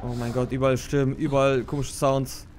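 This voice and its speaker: A man's voice: mid-range voice, little pitch movement, brisk, a little mellow, a little hiss or hum. A young man commenting on a horror game as a streamer, slangy and jumpy, yelping when startled. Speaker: let's play streamer. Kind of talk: casual gameplay commentary. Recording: game audio with music.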